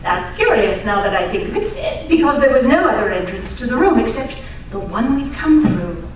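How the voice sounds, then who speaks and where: In an old-time radio drama performed on stage, a woman plays a genteel lady archaeologist, heard from far away in a very echoey hall over faint noise. Her fairly high voice is eager, polite and earnest, very animated and at normal speed as she explains things.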